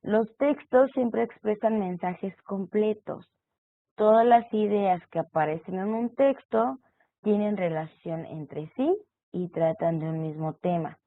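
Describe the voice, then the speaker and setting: A woman's voice: mid-range voice, takes it slowly, dry recording. Lady teaching an online class, explains step by step, thin phone-like sound. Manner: explanatory, spells out examples. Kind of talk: recorded online lecture. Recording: tinny phone-like audio.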